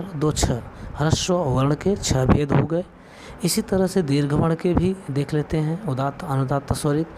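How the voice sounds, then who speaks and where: A man giving a spoken video lesson on Sanskrit, explaining patiently step by step and counting aloud. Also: medium pitch. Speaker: Sanskrit teacher. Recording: clear background noise with clicks.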